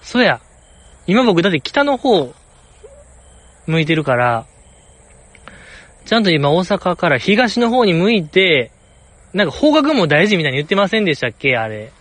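A man's voice: sits high, very animated, moderate pace, pauses often, a bit bright, dry recording. A young man with an Osaka accent, chatting casually and rambling on his own, playfully earnest. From Osaka, Japan. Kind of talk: casual solo chat.

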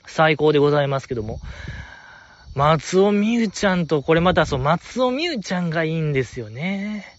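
A man's voice: a little high, animated, normal speed, lo-fi sound. A man with a Kansai accent hosting a podcast, chatting casually and enthusiastically about listener letters with a rambling, filler-heavy delivery. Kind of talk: casual fan chat.

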